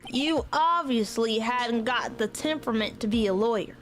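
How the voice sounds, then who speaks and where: A woman's voice: fairly high pitch, moderate pace, lightly acted. A woman voicing a pompous older male lawyer from a video game, in a fussy, self-important manner, with music behind her.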